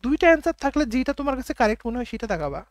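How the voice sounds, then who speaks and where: Brisk Bangladeshi woman tutor, dry sound. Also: high voice, big pitch swings, no room sound. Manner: quizzing students, reading English sentences slowly. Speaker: teacher. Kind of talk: online exam-prep class.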